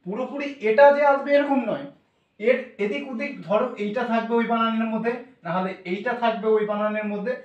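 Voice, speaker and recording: Man, patient classroom explaining, far from the mic, roomy echo. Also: very high voice. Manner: patient, step-by-step explaining with questions to students. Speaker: English pronunciation teacher. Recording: echoey room, voice from far off.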